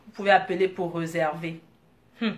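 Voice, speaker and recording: A woman from Africa, telling a story in a casual vlog, animated and laughing with excited bursts. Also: lowish voice, moderate pace, heavy background noise. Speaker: vlogger.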